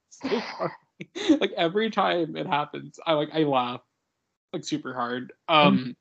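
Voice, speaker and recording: A man's voice: on the high side, animated, moderate pace, vocal fry, a bit bright, lo-fi sound. A man co-hosting a podcast, talking enthusiastically with lots of laughter and casual swearing. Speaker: podcast co-host. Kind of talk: casual chat.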